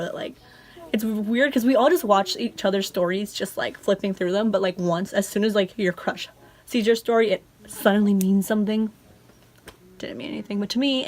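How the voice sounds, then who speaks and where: A woman's voice: medium pitch, slight background noise. A young adult woman vlogger in a casual, confessional chat, talking informally and rambling as she goes.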